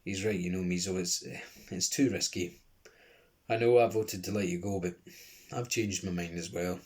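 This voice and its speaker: A man voicing a gentle, sad grown man who speaks quietly. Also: low voice, fairly even intonation, moderate pace, voice pushed down, lightly acted. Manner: quiet and subdued.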